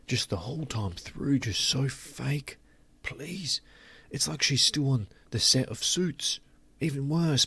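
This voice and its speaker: A man's voice: fairly low pitch, fairly bright tone, slightly rough. A man giving scornful, sarcastic commentary to his audience, stretching words for emphasis. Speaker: commentary channel host. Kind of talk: opinionated commentary.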